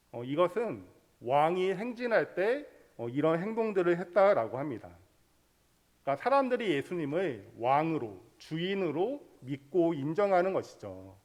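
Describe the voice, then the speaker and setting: A man's voice: a little high, a little mellow. A man preaching a sermon, explaining a Bible passage step by step and leading the congregation in reading scripture aloud. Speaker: pastor.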